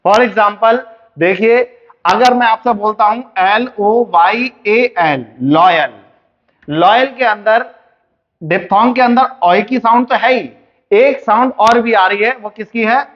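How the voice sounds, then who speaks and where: Guy teaching shorthand, kinda high voice, asks a question then answers it himself, muffled lo-fi audio. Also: measured pace. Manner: explains step by step, asks and answers his own questions. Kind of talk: classroom lesson. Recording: dull, muffled lo-fi recording.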